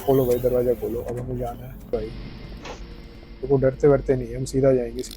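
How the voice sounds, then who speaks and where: A young man from India giving casual gameplay commentary, excitable, repeating words in quick bursts and mixing English gaming slang into his talk. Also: mid-range voice, music in the background. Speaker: gaming streamer.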